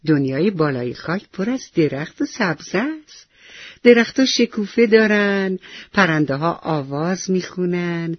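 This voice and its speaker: A woman's voice: on the low side, slightly rough, dry recording, highs cut off. A woman voicing the sun in the sky, teasing and urging a lazy seed to wake up and sprout. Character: warm sun in the sky, cheerful, coaxing, persistent.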